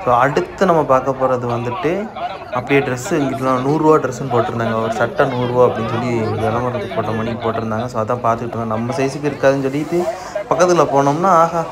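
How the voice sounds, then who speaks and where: A young man with a Tamil Nadu accent giving casual vlog narration as he describes things to viewers. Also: mid-range voice. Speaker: vlogger. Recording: busy outdoor crowd noise. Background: crowded market bustle.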